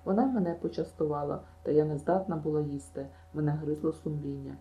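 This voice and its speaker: A woman's voice: deep voice, brisk, mellow, reverberant, highs cut off. A woman voicing a gushing, dreamy young girl. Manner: breathless, gushing storytelling. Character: chatty dreamy girl, dramatic and imaginative. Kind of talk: audiobook reading.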